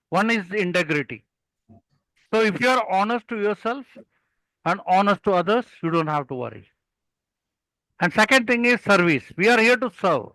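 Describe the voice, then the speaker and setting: An older man from Kerala, a guest and experienced club speaker whose first language is Malayalam, tells stories and gives earnest, emphatic advice in conversation with a South Indian accent. His high, bright voice is forceful, in a dry recording with poor audio.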